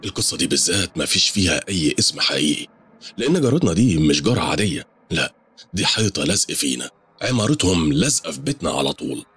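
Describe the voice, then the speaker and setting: A man with an Egyptian accent narrating a horror story, with brisk, animated storytelling and dry irony. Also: very deep voice, husky. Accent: Egyptian Arabic.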